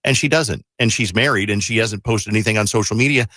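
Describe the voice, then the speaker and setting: A man's voice: on the low side, fast, pushed and bright, dry recording, clean studio sound. A man hosting a casual radio chat, acting out imagined remarks as he talks. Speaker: radio show host.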